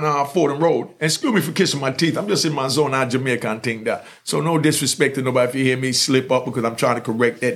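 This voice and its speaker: A man's voice: medium pitch, fairly bright tone. A man telling a long street story in casual chat, rambling with many fillers and restarts. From New York. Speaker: storyteller host.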